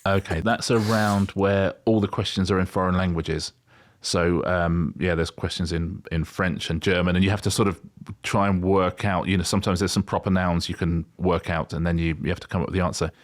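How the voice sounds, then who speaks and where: A middle-aged man co-hosts a podcast in a deep, steady voice at a fairly quick pace. His casual, wry chat rambles, with frequent restarts.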